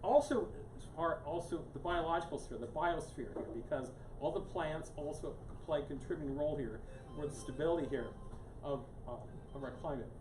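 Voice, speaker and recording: With a fairly high voice and a slightly quick delivery, a male guest speaker rambles through a live climate science talk for a small audience in a meeting room. He restarts often and repeats "here" constantly, and the recording is distant and echoey with persistent background noise.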